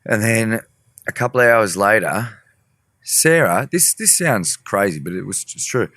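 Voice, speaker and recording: A man's voice: lowish voice, animated, unhurried, a bit bright, no echo. A man, a musician guest, telling a story in a rambling, casual way with frequent swearing. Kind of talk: casual storytelling in a podcast interview.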